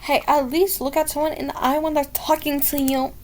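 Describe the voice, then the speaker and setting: A woman's voice: high-pitched, little pitch movement, brisk, darkish tone, a little hiss or hum, lightly acted. A woman voicing an impatient inn boss scolding a shy worker in a game. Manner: scolding, exasperated.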